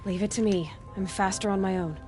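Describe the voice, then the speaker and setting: Terse, self-reliant young huntress played by an actress, music behind. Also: female voice, mid-range voice, fairly even intonation, brisk, warm tone, close to an everyday voice. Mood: matter-of-fact. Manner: terse, matter-of-fact. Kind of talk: video game dialogue acting.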